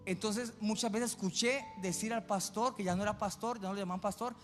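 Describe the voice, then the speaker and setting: A high-voiced male pastor preaches and tells stories theatrically. The church hall gives his voice a long echo, with faint music behind him. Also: steady tone, brisk. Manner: dramatic storytelling. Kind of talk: sermon.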